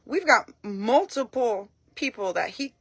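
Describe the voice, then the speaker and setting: A woman talking casually on a live stream, frank and blunt, telling her story in an animated way and acting out what people said. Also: fairly high pitch, unhurried, breathy edge, dry recording. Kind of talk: casual talk to camera.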